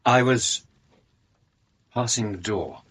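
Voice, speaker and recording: An actor playing an affable middle-aged Victorian gentleman doctor with an English accent, courteous and hearty, in a radio drama. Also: medium pitch, takes it slowly, breathy edge. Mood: friendly, hearty.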